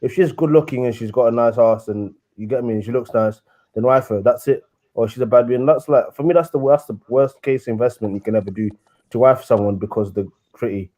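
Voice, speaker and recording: A man's voice: medium pitch, a little fast, warm tone, poor audio. A young man with a London roadman accent chatting casually in street slang, often tagging his sentences with innit. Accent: London, urban roadman slang. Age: young adult. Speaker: panellist on a live discussion show. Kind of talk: casual chat.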